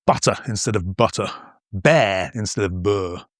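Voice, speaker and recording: A man in his fifties from northern England, a podcast host and language teacher, narrates an educational podcast with playful, explanatory, lively storytelling. His accent is mostly posh English but keeps northern traces. He speaks at normal speed in a lowish voice, recorded in studio quality without echo.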